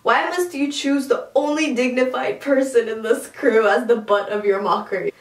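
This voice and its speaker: Woman doing a pompous aggrieved gentleman. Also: a little high, fairly even intonation, normal speed, lightly acted. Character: pompous middle-aged man, injured dignity. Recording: roomy, from a distance.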